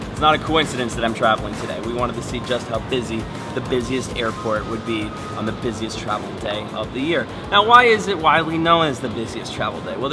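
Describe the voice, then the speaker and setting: A man presenting a casual explainer vlog in a conversational, dryly wry way. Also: medium pitch. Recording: music behind the voice. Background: music and airport bustle.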